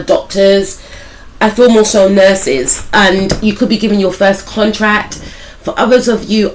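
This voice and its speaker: A tarot reader and spiritual life coach gives her viewers a casual, intuitive reading, rambling from point to point and hedging claims with "I feel like." She speaks directly to "some of you" in a medium-pitched voice made croaky by a cold. The recording quality is low.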